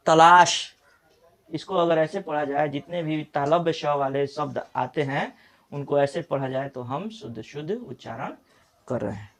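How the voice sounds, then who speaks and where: A middle-aged man with a Bihari Hindi accent teaching pronunciation, saying example words slowly one at a time. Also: a little high, fairly bright tone. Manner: slow, deliberate, repeats example words one by one. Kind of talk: pronunciation lesson.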